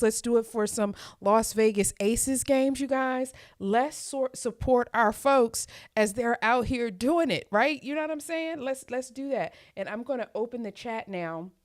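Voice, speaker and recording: A woman hosting a live sports watchalong, chatting casually to her viewers and getting excited as the score changes. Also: medium pitch, no echo, clean studio sound. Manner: excitable, talks straight to chat with "y'all" and "you guys". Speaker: host of a live watchalong stream. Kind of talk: casual live reaction chat. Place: home.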